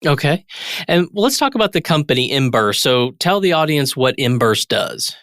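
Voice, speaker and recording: A man's voice: a little high, big pitch swings, moderate pace, a bit bright, dry recording, studio quality. A man hosting a podcast, reading a polished introduction and then asking upbeat interview questions. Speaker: podcast host.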